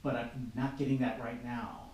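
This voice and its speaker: A man's voice: mid-range voice, flat delivery, moderate pace, a little mellow. A man in a casual group discussion as a paranormal investigator, explaining his thinking point by point. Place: reverberant room indoors. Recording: echoey room, distant mic, faint hiss.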